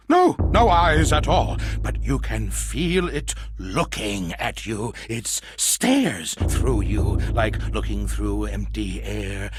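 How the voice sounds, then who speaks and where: A man playing a half-mad male survivor in a horror monologue, lurching between hushed whispers, manic laughter and shouts. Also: fairly low pitch, background noise, exaggerated voice. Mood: haunted. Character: half-mad male survivor raving about monstrous parasites.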